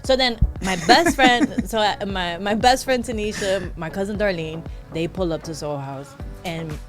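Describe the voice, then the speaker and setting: Woman comedian guest, lively anecdote teller, mid-pitched, music playing under her. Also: moderate pace. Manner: animated, acts out other people's lines. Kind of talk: casual storytelling.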